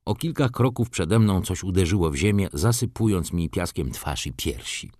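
Deep-voiced man narrating a story. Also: normal speed, dry recording, studio quality. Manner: expressive first-person storytelling reading. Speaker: audiobook narrator. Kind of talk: scripted narration.

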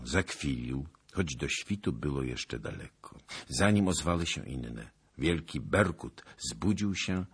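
A male audiobook narrator with a very deep, husky, breathy voice. His pitch moves in a lively way as he tells the story. The telling is solemn and dramatic. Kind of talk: scripted narration of a historical novel.

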